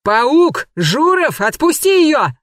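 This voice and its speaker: A reader voicing Klavdiy, a tough, hot-tempered man who speaks in gruff, commanding bursts. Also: medium pitch, moderate pace, fairly bright tone, no echo, clean studio sound, pitched above the performer's own voice, lightly acted. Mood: threatening shout. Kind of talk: audiobook character voice.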